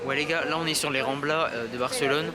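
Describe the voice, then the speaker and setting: Vlogging his travels, this young man talks informally with slang in a slightly high voice, fairly even in intonation and quick, over a loud crowd. Most of it happens outdoors in a seaside city before he heads into an apartment.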